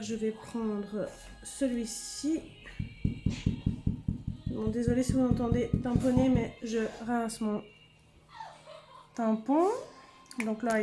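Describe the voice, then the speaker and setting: Craft host: woman, fairly high voice, slow and mellow, chatty and self-muttering. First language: French. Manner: chatty, muttering to herself while searching. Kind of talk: casual craft demonstration.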